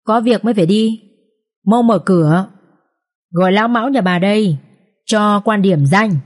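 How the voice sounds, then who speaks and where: A woman voicing rough, cursing village patrolmen. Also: mid-range voice, moderate pace, lightly acted. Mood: gruff. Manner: gruff, swearing, shouting.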